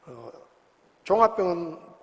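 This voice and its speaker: A male pastor delivers a sermon in an easy, storytelling manner, often asking rhetorical questions. His voice sits a little high. The sound is wrapped in the long reverb of a church sanctuary. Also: sing-song, slow pace.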